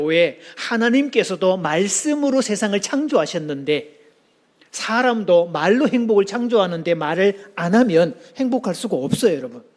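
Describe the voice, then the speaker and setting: A male pastor giving a sermon, asking the congregation questions and leading them in call-and-response. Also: high-pitched.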